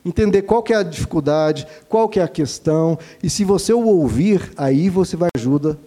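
A man with a fairly high voice gives earnest parenting advice as a father. His tone is gentle and instructive, and he speaks fondly to his listeners. His voice has a warm, mellow timbre. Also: expressive, normal speed. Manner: gentle and didactic, calls listeners "dear ones".

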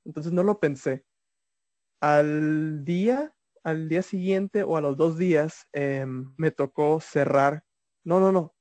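A man's voice: fairly high pitch, darkish tone, no echo. A man casually telling a ghost story, with restarts and asides to the listeners. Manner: conversational, many restarts, addresses listeners directly.

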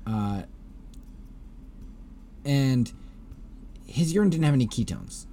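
A man's voice: medium pitch, very animated, takes it slowly, mellow, slight background noise. A man hosting a casual podcast, chatting and joking with frequent restarts. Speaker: podcast host. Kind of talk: casual chat.

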